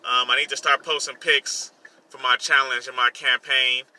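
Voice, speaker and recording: Driving as he talks, a man hosts a personal podcast vlog segment in loose, slangy, repetitive chat; he's a songwriter. His medium-pitched voice shows little pitch movement and sounds pushed and bright at a normal pace. There's no echo, just faint vehicle noise in the background.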